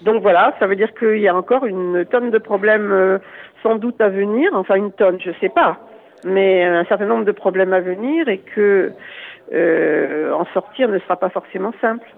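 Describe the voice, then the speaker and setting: Halting man on a tinny phone line. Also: high voice, creaky. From Lyon area, France. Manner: hesitant, halting, many fillers and restarts. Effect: heard over a phone line. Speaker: phone-in guest. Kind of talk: radio phone interview.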